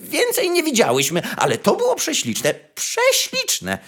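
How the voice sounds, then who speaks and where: Storybook sparrows, chattering and giddy, voiced by a male reader, squeaky high with wild swoops. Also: huge pitch swings, unhurried, slightly rough, exaggerated voice. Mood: gushing. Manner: chirpy, breathless gushing. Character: chattering flock of little sparrows, excitable. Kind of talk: fairy tale reading.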